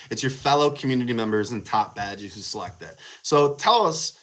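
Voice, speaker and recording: A man's voice: medium pitch, a bit bright, low-quality recording. A man hosting a casual live interview, complimentary and conversational as he works his way into questions. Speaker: show host, interviewer.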